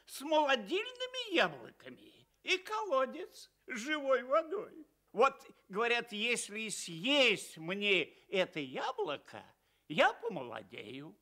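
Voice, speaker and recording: An actor playing an aged, fond, pleading tsar in a theatrical Russian fairy tale dramatisation. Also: male voice, extremely high pitch, pushed and bright, heavily acted. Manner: theatrical, drawn-out, swooping delivery.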